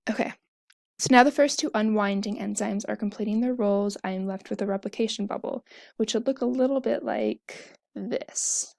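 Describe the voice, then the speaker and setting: A woman's voice: medium pitch, normal speed, vocal fry, a little mellow, no room sound, studio quality. A young woman talking casually, explaining a topic step by step while she draws, often correcting herself mid-sentence. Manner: chatty, self-correcting, fillers and asides.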